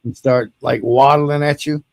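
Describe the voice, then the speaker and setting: A man's voice: mid-range voice, steady tone, a little slow, gravelly, darkish tone, a little hiss or hum, rough recording. A man in casual chat who chimes in with short, crude wisecracks.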